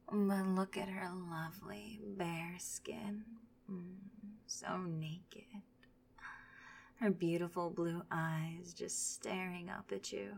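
A woman's voice: fairly low pitch, gravelly, a little hiss or hum. A woman playing a gloating, whispering cruel ex.

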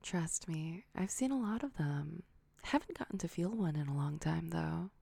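Young woman for intimate ASMR roleplay: soft breathy whisper, low-set, gravelly edge, soothing and doting. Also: expressive, dry recording. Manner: slow, soothing, doting, with frequent hums and soft giggles. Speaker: audio roleplay performer.

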